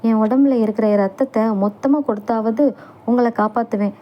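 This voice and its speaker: A woman's voice: on the high side, fairly even intonation, normal speed, muffled recording, close to an everyday voice. A woman voicing a young man, a devoted son who pleads through tears and rages in his father's defense, in a storybook reading. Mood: tearful pleading. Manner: emotional, pleading then raging.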